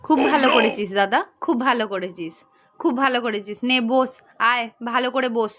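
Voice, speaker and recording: An actress playing a defensive young wife who is brisk with her husband and fond of her brother. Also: on the high side, fairly bright tone, natural voice.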